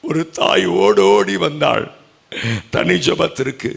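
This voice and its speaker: A man preaching a sermon at a church convention, crying out loudly at times and then dropping to hushed, low lines. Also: expressive, slow pace, gravelly. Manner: emotional preaching, swinging from loud cries to hushed low lines. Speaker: pastor.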